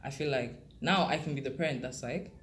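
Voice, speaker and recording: A woman's voice: a bass voice, a little fast, slight background noise. A young woman who grew up in Kenya, a guest talking casually and thoughtfully with many fillers and restarts. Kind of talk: casual conversation.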